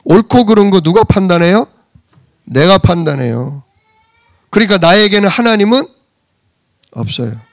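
A man's voice: high-pitched, expressive, moderate pace, pauses often, no echo, clean studio sound. A man preaching a sermon, asking rhetorical questions and answering them himself, with emphatic bursts. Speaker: pastor.

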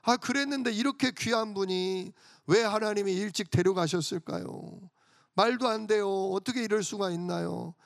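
A man's voice: sits high, normal speed, creaky, no echo, clean studio sound. A man voicing grieving women who lament and plead through tears over a beloved woman's death. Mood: tearful pleading.

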